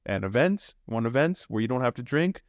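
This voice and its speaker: A man's voice: medium pitch, big pitch swings, brisk, no echo, clean studio sound. A man co-hosting a podcast, summing up the episode in an upbeat, motivational way. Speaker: podcast co-host. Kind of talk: podcast recap.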